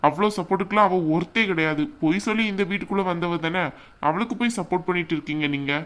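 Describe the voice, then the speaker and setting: A woman's voice: on the low side, very fast, close to an everyday voice. A woman voicing a scornful, quarrelsome young husband in a cartoon, talking in a taunting way. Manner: taunting, contemptuous. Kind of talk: cartoon voice acting.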